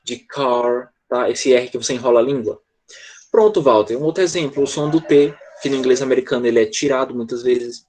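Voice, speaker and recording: A man's voice: mid-range voice, quick pace, darkish tone, a little hiss or hum. A man teaching English in an online class, explaining step by step and checking often that students follow. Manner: explanatory, with frequent "tá?" check-ins.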